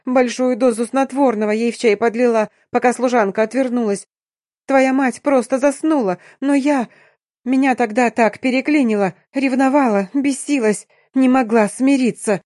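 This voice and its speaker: A woman voicing a scheming, jealous middle-aged stepmother who turns shrill, tearful and defiant, in a dry audiobook reading. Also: normal speed, darkish tone, no room sound, lightly acted. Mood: sobbing confession. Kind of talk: audiobook character voice.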